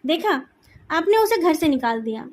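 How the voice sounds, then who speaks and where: A woman's voice: very high-pitched, sing-song, moderate pace, darkish tone. A woman voicing a defiant young woman who stands up to her parents, in a fan story read aloud.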